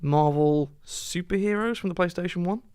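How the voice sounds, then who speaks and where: A man's voice: high-pitched, darkish tone, smooth, no echo, clean studio sound. A man co-hosting a casual podcast, talking eagerly and restarting his sentences as he goes. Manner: quick, eager, repeats himself. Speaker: podcast co-host. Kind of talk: casual chat.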